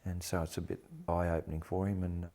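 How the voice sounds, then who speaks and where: A man's voice: sits low, flat delivery, a little fast, very noisy. An older man with a broad Australian accent, reminiscing casually and bluntly in an interview, with salty colloquial turns of phrase. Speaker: actor interviewee.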